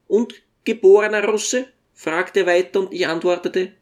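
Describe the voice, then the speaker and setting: A tiny old dwarf, humble and devoted, recounting his memories with quiet courtesy , voiced by an audiobook reader. His speech is gentle and deferential, at a middling pitch. It is unhurried, storybook-style narration. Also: steady tone, natural voice. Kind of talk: audiobook character reading.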